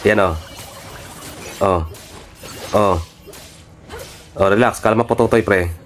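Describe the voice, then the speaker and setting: A man's voice: fairly low pitch, slow. Guy streaming his game, hyped and trash-talky, curses a lot, faint music behind. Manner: excitable, trash-talking, swears often. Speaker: gaming streamer. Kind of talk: live gameplay commentary.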